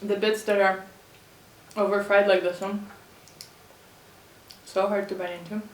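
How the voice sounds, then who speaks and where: A woman's voice: medium pitch, flat delivery, a little slow. Give me a woman chatting while eating crunchy fried chicken, roomy sound. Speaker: mukbang host. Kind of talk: casual eating-show chat. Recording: roomy echo, distant mic, faint noise.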